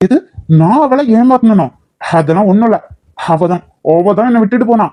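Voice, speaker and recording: A protective young husband, voiced by a man, speaks in a cartoon. His tone is mellow and dry, and he stays firm but soothing. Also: high voice, animated, brisk, no echo, rough recording. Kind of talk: cartoon voice acting.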